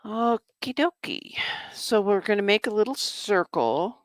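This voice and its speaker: A woman's voice: mid-range voice, very animated, unhurried, no echo. A woman casually demonstrating a journal-making craft project, chatting to herself as she works. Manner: chatty, talks to herself while working. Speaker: craft vlogger.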